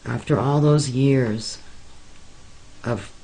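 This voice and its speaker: A man recounting personal experiences in an interview, hesitant and earnest, with many pauses and fillers. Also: mid-range voice, warm tone, husky, rough recording. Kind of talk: slow, halting personal account.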